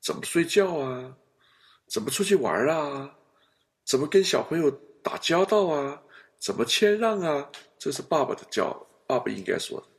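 Male pastor, animated storyteller with a gravelly edge; counseling talk. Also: a little high, normal speed. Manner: animated storyteller, acts out family scenes.

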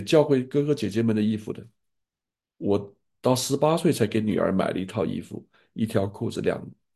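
A gravelly, dark-toned older male pastor speaks in a fairly low register. His voice is husky, and he gives earnest, fatherly advice in a relaxed pastoral sharing. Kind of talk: pastoral sharing in an online group.

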